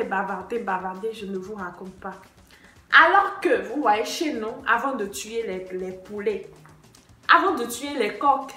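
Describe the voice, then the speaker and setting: A woman's voice: a little high, bright, forceful tone. A young woman, animatedly telling a true story on her vlog and acting out the dialogue. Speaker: vlogger. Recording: echoey room.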